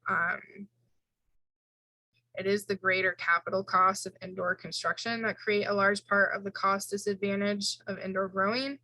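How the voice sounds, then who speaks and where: A woman's voice: mid-range voice, level tone, normal speed, sharp tone, dry recording, rough recording. A woman instructor giving an informal recorded lecture, walking through slides in a casual way with fillers and self-corrections.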